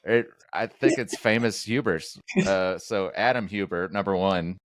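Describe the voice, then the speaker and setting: A man's voice: low-pitched, unhurried, no echo. A man hosting a podcast, chatting casually with lots of jokes, fillers and restarts. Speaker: podcast host. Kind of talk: casual interview chat.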